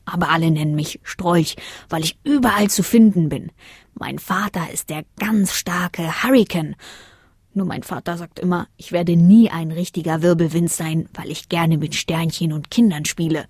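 A woman doing Strolch, a soft whispering whirlwind boy. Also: on the low side, normal speed, slightly rough, no echo, studio quality. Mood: gentle. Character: gentle small male whirlwind spirit, playful.

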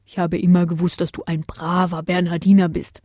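A woman voicing a kind male Saint Bernard who speaks gently and calmly. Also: on the low side, fairly quick, no room sound, studio quality, lightly acted. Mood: explaining.

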